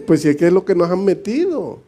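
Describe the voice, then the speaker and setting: In a high, husky and mellow voice with big swings in pitch, a Salvadoran pastor gives an informal Bible study sermon at a moderate pace. His Salvadoran Spanish accent carries a colloquial, joking manner, full of chuckles and acted-out little conversations.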